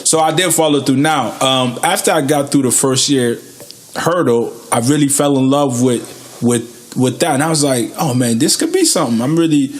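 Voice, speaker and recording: A man hosting a casual podcast interview, playful and quick to laugh. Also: medium pitch. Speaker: podcast host.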